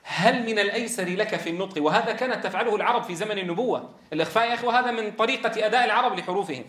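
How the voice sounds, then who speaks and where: A male Quran recitation teacher with a high voice lectures to a class. He asks his students questions and stretches sounds out slowly to demonstrate them. The room is echoey. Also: a bit bright. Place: classroom with a board.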